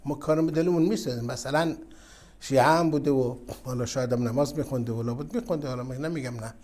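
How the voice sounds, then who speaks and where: A man giving a religious sermon, telling a story and moving from quiet asides to forceful exhortation. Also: mid-range voice. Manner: storytelling, swings from soft asides to emphatic exhortation. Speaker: cleric.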